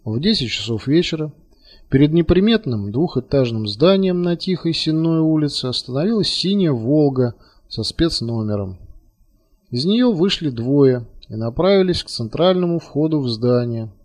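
A man reading a novel aloud in a steady, measured audiobook narration. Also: on the high side.

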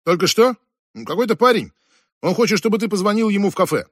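A man's voice: high voice, animated, quick pace, no room sound, studio quality, pitched above the performer's own voice. A man doing a matter-of-fact police officer. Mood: reporting. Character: police officer relaying a phone call.

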